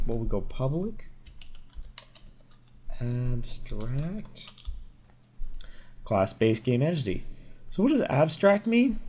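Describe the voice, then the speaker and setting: The host of this programming tutorial is a young man whose sore throat gives his mid-range, darkish voice a slight crackle. He casually explains code in a rambling screen recording, filled with fillers and self-corrections, on a dull lo-fi mic.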